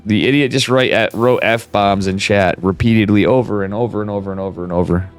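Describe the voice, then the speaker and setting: A man with a cold and a whistling nose gives casual, slangy live esports commentary in a lowish, clean-toned voice, speaking a little fast. He's informal and chatty, and soft music plays in the background.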